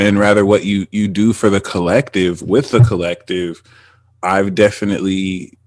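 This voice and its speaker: Guy hosting a laid back spiritual talk, kinda low voice, talks in loops with lots of um's. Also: dry recording. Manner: rambling, many restarts and fillers. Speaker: podcast host. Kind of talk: casual spiritual chat.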